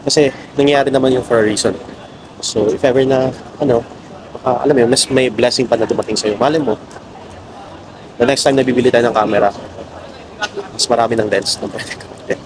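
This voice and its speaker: A man's voice: mid-range voice, fairly even intonation, moderate pace, pauses often. A man with a Filipino accent, chatting casually to viewers while walking through a city at night. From Philippines. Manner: chatty, mixes Tagalog and English, addresses viewers as guys. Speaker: travel vlogger. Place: city street at night, outdoors. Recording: noisy outdoor street recording. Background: street and traffic noise.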